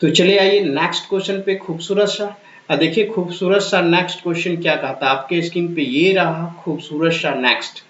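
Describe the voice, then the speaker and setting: High-voiced man teaching math, very echoey. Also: steady tone, fairly quick, fairly bright tone. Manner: repeats numbers aloud while working through problems, encouraging. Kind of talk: exam-prep math lesson. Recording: very echoey, dull lo-fi room sound.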